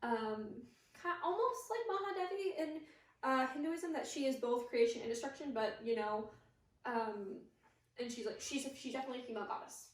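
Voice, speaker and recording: A young Midwestern woman talks through a class presentation in a slightly high voice, hesitant and chatty, dropping fillers and little jokes at her own expense. She sits some way back from the mic, and the room answers with a noticeable echo. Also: moderate pace. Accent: Midwestern American. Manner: chatty and hesitant, many fillers and self-deprecating asides. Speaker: student presenter. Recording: echoey room, mic far off.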